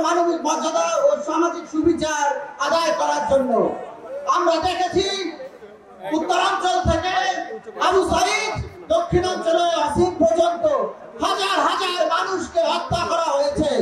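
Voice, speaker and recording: A man with a Bangladeshi accent delivers a loud, impassioned political rally speech full of repeated phrases. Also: very high-pitched, recorded from a distance. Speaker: political party speaker at a rally. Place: public rally, over loudspeakers. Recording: echoing PA heard from afar, faint crowd.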